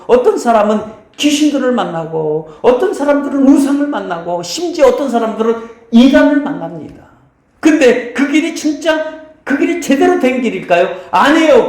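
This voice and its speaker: A man's voice: high voice, darkish tone. A male pastor preaches in a church sanctuary, and his voice rises and falls widely as he goes. He keeps asking his listeners questions and answering them himself, and he turns to bless the congregation again and again. The sound rings through a very echoey church hall. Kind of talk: sermon.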